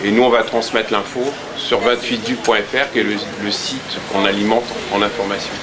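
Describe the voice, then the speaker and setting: A man's voice: lowish voice, steady tone, fairly quick, echoey room, poor audio. A man in a mid-range voice asks questions outdoors and keeps things moving with short nods of agreement. Crowd chatter fills the background. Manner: prompting, brief affirmations. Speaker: local web TV interviewer. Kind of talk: street interview. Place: outdoor street rally.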